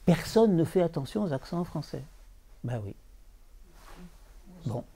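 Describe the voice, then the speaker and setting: A man talking as a literary translator before an audience, halting, repeating words and chanting verse rhythms. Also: on the high side, lively intonation, mellow, breathy edge. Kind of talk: bookshop talk with audience.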